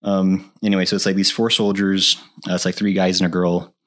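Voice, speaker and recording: Man, very low voice, podcast co-host, casual chat, enthusiastic, laughs a lot. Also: level tone, brisk, fairly bright tone. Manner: enthusiastic, laughs often, many fillers.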